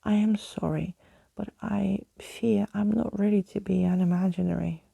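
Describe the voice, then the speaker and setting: A woman's voice: medium pitch, fairly even intonation, normal speed, gravelly, warm tone, breathy edge, dry recording. A woman voicing a flamboyant, old-fashioned male skeleton adventurer from a storybook, speaking in florid exclamations. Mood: apologetic, earnest.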